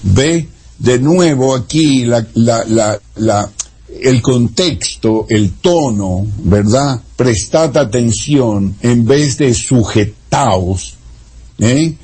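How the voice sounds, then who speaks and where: A man in conversation as a theologian, explaining the wording of Bible passages in a deliberate, explanatory way. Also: mid-range voice, animated, darkish tone, husky. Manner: deliberate, explanatory, with hesitant restarts. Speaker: theologian guest.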